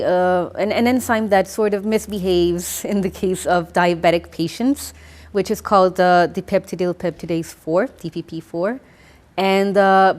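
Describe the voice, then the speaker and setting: A woman's voice: mid-range voice, a little mellow. A young woman from Rica, speaking English in a thoughtful testimonial with frequent fillers and restarts. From Costa Rica. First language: Spanish. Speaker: master's graduate. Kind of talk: testimonial interview.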